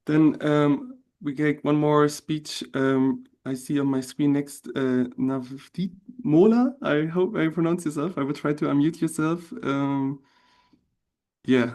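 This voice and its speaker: A man's voice: on the high side, slow, a little mellow. A man moderating an online meeting in a polite, hesitant way, with many ums. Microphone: video call.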